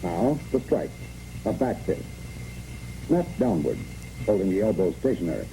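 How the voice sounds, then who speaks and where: A warm, low-pitched American male voice with vocal fry, very animated and at a moderate pace, barks scripted step-by-step commands. It is 1960s military training film narration on a noisy, muffled soundtrack.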